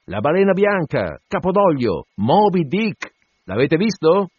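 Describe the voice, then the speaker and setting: Brash sailor bellowing jokes, as a male reader puts him on, pitched high and bouncy, dull lo-fi sound. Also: animated, moderate pace, no echo, natural voice. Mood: mocking, jovial. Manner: loud, teasing, shouted banter. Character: brash jovial sailor mate, loud and mocking. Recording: dull lo-fi dry recording.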